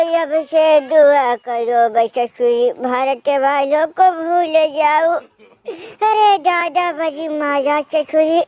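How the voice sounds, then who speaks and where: A man voicing a wailing, self-pitying rustic village man, in a comic cartoon voice full of sing-song laments and earthy slang. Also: very high-pitched.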